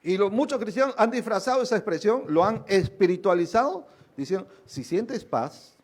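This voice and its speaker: A man's voice: high-pitched, expressive, fairly quick. A male pastor preaching a sermon, asking rhetorical questions again and again and acting out other people's voices to drive his points home.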